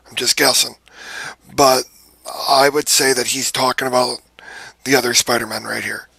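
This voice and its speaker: A man's voice: mid-range voice, steady tone, moderate pace, gravelly, pushed and bright, husky, no echo, low-quality recording. Man doing a reaction video, dry close sound. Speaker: YouTube host. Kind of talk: trailer reaction video commentary.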